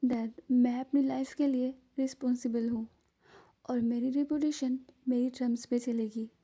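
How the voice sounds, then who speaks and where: Woman playing a cocky young billionaire girl, sharp and dismissive, high voice but mellow and dark. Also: fairly even intonation, moderate pace. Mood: self-assured. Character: bold, self-assured young female billionaire.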